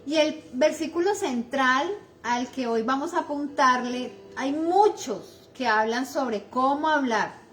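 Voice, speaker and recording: A woman's voice: high voice, slow, hardly any pauses, a bit bright, a little hiss or hum. A middle-aged woman with a Colombian accent giving conversational devotional teaching, earnest and acting out everyday remarks, with many fillers.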